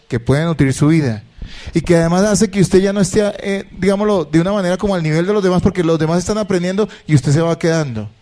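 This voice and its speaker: A man, a pastor preaching a sermon to his congregation, asking rhetorical questions and moving between hushed and emphatic delivery. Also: fairly high pitch. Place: church service.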